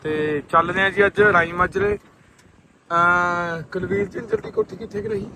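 A man's voice: high voice, sing-song, normal speed. A man with a Punjabi accent in casual, hearty banter, insisting and repeating his phrases like a farming vlogger. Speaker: tractor vlogger and farmer. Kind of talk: casual chat and banter outdoors. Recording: outdoor sound with faint vehicle noise.

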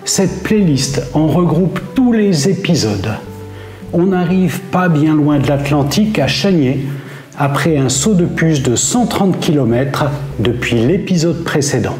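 A man in his fifties narrates his campsite tour in a steady, clearly scripted way, his voice sitting a touch high. The room gives him a noticeable echo. Faint music plays behind him. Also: a little slow. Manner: clear, steady presenter delivery. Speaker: travel vlogger. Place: indoor room with brick wall. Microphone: seated facing camera at table.

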